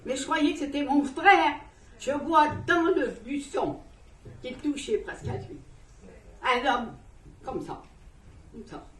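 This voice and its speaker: A woman's voice: sits high, slow, pauses often, fairly bright tone, far from the mic. A woman giving an emotional, rambling spoken testimony in church, often laughing as she tells it. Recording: echoey room, voice from afar.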